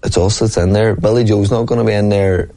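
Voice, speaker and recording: A professional boxer talks earnestly and at length in a casual interview, often asking "you know what I mean." His voice is on the low side, steady and mellow, moving a little fast.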